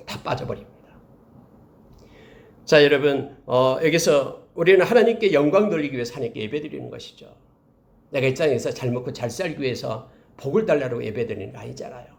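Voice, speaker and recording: Gravelly, lively-voiced Korean pastor preaching. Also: male voice, fairly high pitch. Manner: preaching with animated emphasis, addressing the congregation. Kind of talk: sermon.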